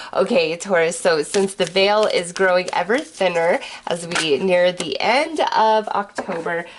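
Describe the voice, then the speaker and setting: A woman with a fairly low voice hosts a mystical horoscope reading. She talks casually and directly to the listener, like a tarot reader in conversation, offering reassurance as she goes.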